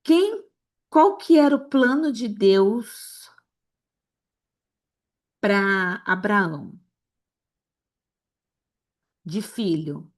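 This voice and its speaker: A woman's voice: mid-range voice, animated, drawn-out words, long pauses. A woman from Brazil teaching an informal Bible lesson to an online group. She talks straight to the group and acts out little dialogues as she goes.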